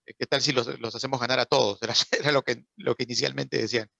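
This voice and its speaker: Man, contest host, gravelly voice, sharp bright tone, dry close sound, chatty with fillers. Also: mid-range voice, fairly even intonation, fast talker, dry recording, muffled recording. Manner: chatty, with fillers and tag questions. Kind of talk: casual live talk.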